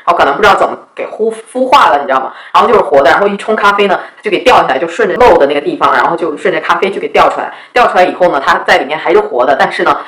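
Fast-talking chatty woman in a roomy space. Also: on the low side, fairly bright tone. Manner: chatty, often asks "you know?". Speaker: vlogger. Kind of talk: casual storytelling.

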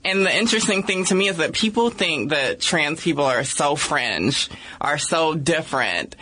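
A woman speaking as a podcast guest in a casual discussion, earnest and measured, often checking in with "right?". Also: low voice, lively intonation, sharp tone. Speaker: podcast guest, activist and writer.

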